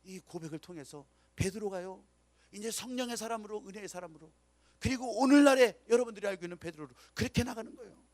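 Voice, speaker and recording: A man's voice: high voice, fast, a little mellow. A male pastor preaching a sermon with dramatic storytelling, acting out the people in his stories and calling for amens. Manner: dramatic storytelling, acts out quotes; emphatic, calls for amens.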